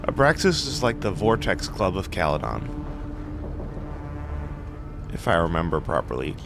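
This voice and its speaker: A man's voice: low-pitched, huge pitch swings, measured pace, gravelly, over music. A man giving casual, sweary gameplay commentary with a sarcastic, jokey manner. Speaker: game streamer.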